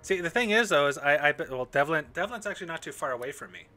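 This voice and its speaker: A man, talking casually on a gaming podcast. He has a bright, clear tone and a self-mocking way of talking. He often restarts his sentences. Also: a little high, expressive, fast, soft background music. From Canada. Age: 30s. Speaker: podcast guest. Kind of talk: casual chat.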